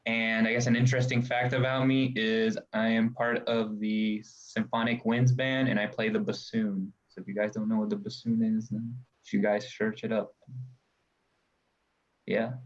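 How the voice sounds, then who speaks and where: A man's voice: fairly low pitch, flat delivery, moderate pace. This is an easygoing man from Venezuela, introducing himself in a student meeting. His voice comes through dull, lo-fi call audio. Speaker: student officer. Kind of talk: casual self-introduction.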